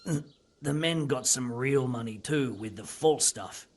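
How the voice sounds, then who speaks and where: An actor playing a captured brigand under interrogation in a game, sardonic and evasive. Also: male voice, medium pitch, slow. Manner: sardonic, evasive, rough-spoken.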